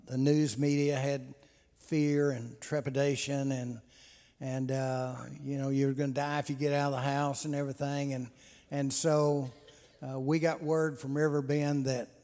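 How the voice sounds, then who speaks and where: Speaking at a church men's conference, this host delivers announcements and testimony folksily, repeating words and saying "uh" a lot. He has a dark, medium-pitched voice. The big hall leaves a long reverb on everything.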